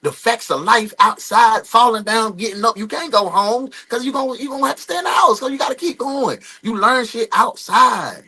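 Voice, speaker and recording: Host, male, animated slangy commentator; bright, husky tone. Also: extremely high pitch, normal speed, hardly any pauses. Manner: animated, slangy, laughing asides. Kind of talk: casual reaction commentary.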